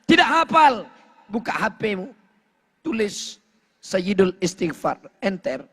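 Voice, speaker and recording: A man preaching a sermon, fervent and rhythmic, repeating phrases and swinging between shouts and near-whispers. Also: high voice, sing-song, a little slow, husky. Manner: fervent, rhythmic repetition with sudden shouts and drops to a hush. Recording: long hall reverb.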